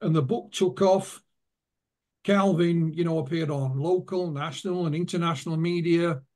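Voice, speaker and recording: Higher-voiced male author telling stories. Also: normal speed, a little mellow. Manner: anecdotal, retells witnesses' words. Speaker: author and guest. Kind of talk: interview storytelling.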